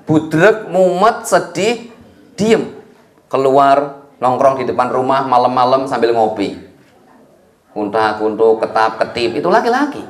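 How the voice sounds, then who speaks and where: A man with a Javanese accent preaching a sermon, telling a story in a lively way with folksy asides to his listeners. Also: medium pitch, slow pace, long pauses. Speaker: Islamic preacher. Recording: echoey room.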